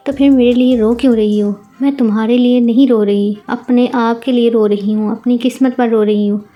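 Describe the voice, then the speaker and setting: A woman voicing a hurt, proud young bride who is a university student, reading in an even, measured way. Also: fairly high pitch, highs cut off, soft background music, close to an everyday voice. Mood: angry, hurt.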